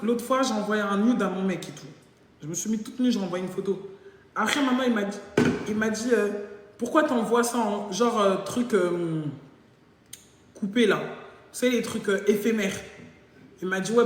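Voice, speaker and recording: Woman telling stories in an echoey room. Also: mid-range voice. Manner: animated, jokey, acts out both sides of dialogue. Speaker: live-stream host. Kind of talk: casual storytelling monologue. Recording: very echoey room with long reverb.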